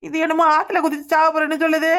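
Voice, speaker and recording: A woman's voice: sits high, flat delivery, rapid-fire, fairly bright tone. A woman voicing a flustered young sister-in-law in a cartoon, pleading and fretful. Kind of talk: cartoon voice acting.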